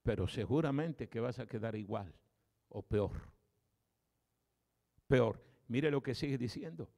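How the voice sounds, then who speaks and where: A male pastor preaching an impassioned sermon, swinging from loud appeals to hushed prayer as he leads an altar call. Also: mid-range voice, animated, moderate pace, vocal fry.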